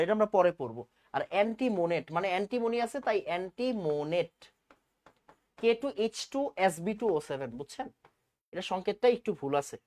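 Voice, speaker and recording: A man teaching a chemistry exam-prep lecture, drilling terms by repetition and answering his own questions. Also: sits high.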